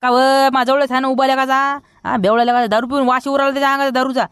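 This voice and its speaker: A man's voice: very high-pitched, level tone, smooth, no room sound. A man with a Vidarbha Marathi accent playing a broke village man who scolds everyone in a rustic comedy sketch. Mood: scolding. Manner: scolding, rapid and loud.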